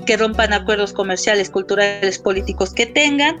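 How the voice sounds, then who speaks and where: A woman's voice: mid-range voice, brisk, faint music behind. A woman, speaking as an activist spokesperson and explaining her cause earnestly and steadily. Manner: earnest, steady, tags points with a questioning "no". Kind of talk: explanatory interview statement.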